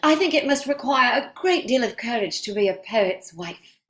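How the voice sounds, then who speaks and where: A woman's voice: on the high side, expressive, moderate pace, fairly bright tone. A woman playing a gushing, imperious society lady in a stage play reading, with an affected theatrical manner. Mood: gracious. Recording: echoey room.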